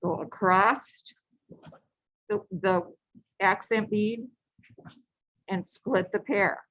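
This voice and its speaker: Seated at a craft table, a woman leads a live beading session in a medium-range voice, calm and slow as she explains each stage. Repetition marks her instructions, and she sometimes restarts a phrase to correct it. The audio is intimate and dry, with no room echo.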